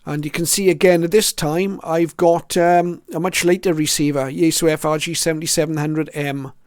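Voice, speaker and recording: This middle-aged or older man gives a casual show-and-tell of his hobby collection, reflecting and often hesitating as he goes item by item. His slightly high voice holds an even pitch with a clean, smooth tone. He speaks at normal speed, and the clean studio sound carries no room noise.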